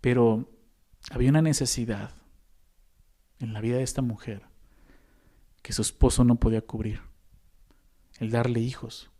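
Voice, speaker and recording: Mellow-voiced Mexican pastor preaching. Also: male voice, mid-range voice, steady tone, moderate pace, long pauses. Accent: Mexican Spanish. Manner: conversational, often adds tag questions to the listeners. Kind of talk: sermon.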